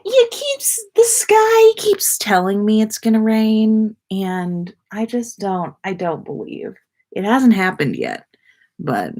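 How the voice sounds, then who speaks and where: On a casual livestream, a podcast host reads viewer comments and chats with them informally, sprinkling in slang and mild swearing. Her medium-pitched voice is sing-song with a darkish tone, and she speaks slowly.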